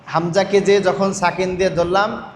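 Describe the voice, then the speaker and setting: A man's voice: high voice, little pitch movement, normal speed, slight background noise. Patient man drilling a reading class. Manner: patient, drills by repeating questions. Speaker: Quran reading teacher. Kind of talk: call-and-response reading lesson.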